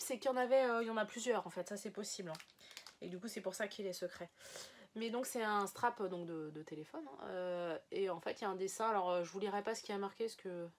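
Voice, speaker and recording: A woman chatting casually as she unboxes items for her viewers, rambling a little, with many fillers and self-corrections. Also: medium pitch. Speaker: unboxing vlogger. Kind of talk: casual chat showing items to camera.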